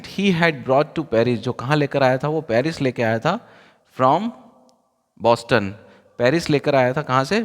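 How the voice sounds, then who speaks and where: Indian man teaching in a reverberant hall. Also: mid-range voice. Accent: Indian English. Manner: reads the English text slowly, then explains it in quick conversational Hindi. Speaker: English teacher. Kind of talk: line-by-line lesson explanation.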